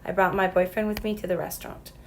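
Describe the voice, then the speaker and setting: In a recorded classroom lesson, a woman with a lowish, fairly even voice teaches French at a quick pace, patiently explaining, spelling words letter by letter, and sounding out example sentences. The audio is poor, with slight background noise.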